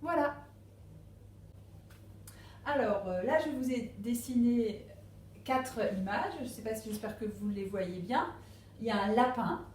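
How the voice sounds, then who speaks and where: A woman teaching a phonics lesson to young children at a distance, speaking slowly and patiently and stressing each syllable. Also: fairly high pitch, echoey room, slight background noise. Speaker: primary school teacher. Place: classroom with a board.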